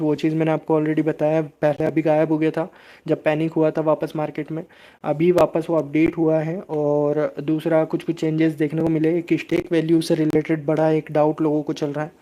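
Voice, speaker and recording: Flat-voiced man explaining in a live stream. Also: on the high side. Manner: steady explaining, frequent hesitation sounds. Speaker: crypto channel host. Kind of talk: live stream answering viewer chat.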